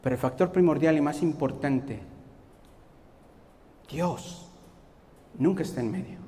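A man preaching a sermon in an animated way, acting out the voices of the people he quotes. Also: a little high, measured pace, long reverb tail.

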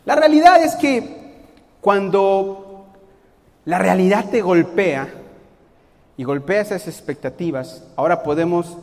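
A man with a high voice preaches a sermon, animated and acting out the people he quotes. His voice rings with the long reverb of a church hall. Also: slow pace, long pauses.

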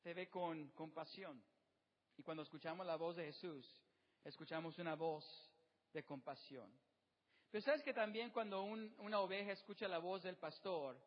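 A male pastor preaching a sermon outdoors, often asking the congregation questions and slowing down to stress key words. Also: a little high. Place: outdoor service with birds nearby. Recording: dull sound with long reverb.

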